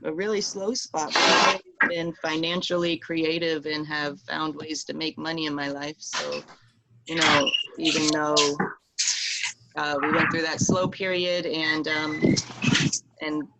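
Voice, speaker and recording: A woman in her thirties talks loosely over a video call, padding her thoughts with fillers. Her voice is gravelly with fry, and her pitch stays flat and even. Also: unhurried, heavy background noise. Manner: rambling, many fillers. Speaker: meeting participant. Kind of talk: casual video call chat.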